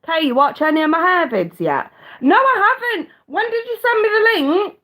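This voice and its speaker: Very high-voiced and very animated, this stuffy-nosed middle-aged woman rambles through a casual live stream on her webcam or phone at normal speed. She chats warmly with viewers, swears casually, and sounds clearly congested.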